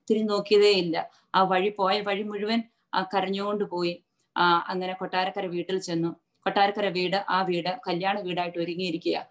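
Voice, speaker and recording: Woman telling her faith testimony. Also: fairly low pitch. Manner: emotional storytelling, many fillers. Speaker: testimony speaker at women's church meeting. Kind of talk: personal testimony.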